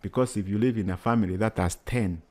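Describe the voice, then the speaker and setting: Male charity worker as interview guest, Kenyan accent, lower-pitched voice, earnest delivery with emphatic repetition. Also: quick pace, darkish tone. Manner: earnest, emphatic, repeats phrases. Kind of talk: interview answers.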